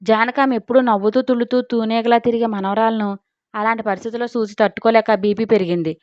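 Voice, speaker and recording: A fairly high woman's voice reads a romantic audio story with a steady, dramatic delivery. The sound is dry and close. The recording has a slightly dull, muffled top. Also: fast talker, no echo.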